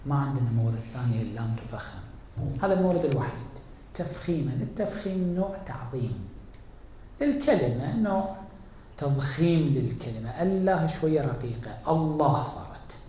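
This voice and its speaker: Male cleric lecturer, measured, self-questioning delivery with sharp swings between loud emphasis and quiet; heavy hall reverb. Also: medium pitch, animated, slight background noise. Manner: deliberate, halting, asks and answers own questions; swings between raised emphatic and hushed tones. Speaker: cleric teaching Quran exegesis. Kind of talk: religious lecture. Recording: very echoey hall.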